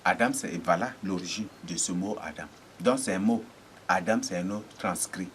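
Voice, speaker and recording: A man preaching a teaching sermon, halting and repeating words, often asking rhetorical checks. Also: low-pitched, fairly bright tone, slight background noise.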